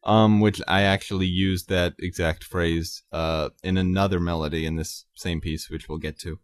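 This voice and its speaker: A man hosting his own podcast, talking casually and haltingly about composing, with many ums and self-corrections. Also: low-pitched, fairly even intonation, dry recording, studio quality, faint music behind. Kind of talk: casual solo talk about his music.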